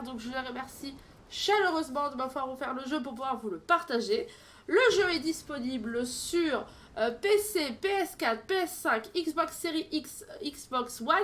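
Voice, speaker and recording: A high-voiced woman streamer chats playfully through a game session, filling pauses with hesitations as she goes. Her voice sits bright and high, with a faint hum of background noise. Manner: chatty, many fillers, playful. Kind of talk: casual gameplay commentary.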